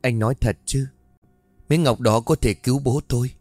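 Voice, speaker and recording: A man's voice: mid-range voice, moderate pace, a little mellow, dry recording, soft background music, natural voice. A male narrator voicing a frightened young woman, his voice lifted and pleading. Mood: urgent.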